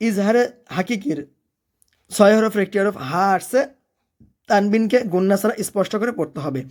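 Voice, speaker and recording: A recitation teacher with a medium pitch gives a step-by-step lesson. Each word is chanted in a slow, long-drawn way. Then the teacher turns to quick, plain explanation, asking questions and answering them. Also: darkish tone. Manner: leads the learner, asking and answering its own questions.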